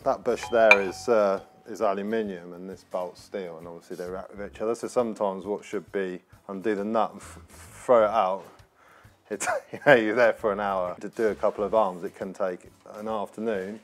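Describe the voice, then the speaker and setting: A mechanic casually explaining suspension parts in a workshop. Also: male voice, fairly low pitch, steady tone, moderate pace. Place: car workshop indoors.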